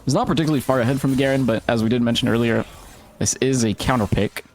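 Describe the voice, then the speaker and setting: Steady male esports play-by-play caster. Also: medium pitch, fast talker. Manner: steady play-by-play calling with occasional fillers. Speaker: play-by-play commentator.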